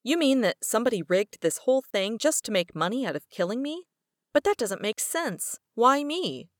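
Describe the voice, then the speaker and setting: A woman's voice: a little high, big pitch swings, normal speed, no room sound, studio quality, pitched above the performer's own voice. A woman reading the lines of an anxious, bewildered young man who keeps asking questions. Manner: nervous, questioning.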